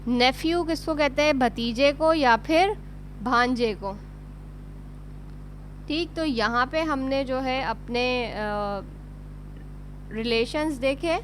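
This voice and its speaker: A woman's voice: high-pitched, slow pace, long pauses, a little hiss or hum. A woman with a Pakistani Urdu accent teaching a beginner English lesson, patiently repeating and spelling words out letter by letter.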